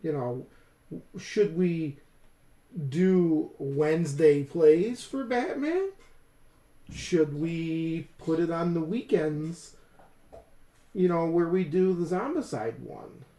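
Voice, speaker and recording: Warm in tone and expressive, with a medium pitch, this American speaker from Western New York rambles slowly in casual chat while painting miniatures indoors. He co-hosts a tabletop miniature painting channel, tends to talk to himself as he works, and is recorded in an echoey space.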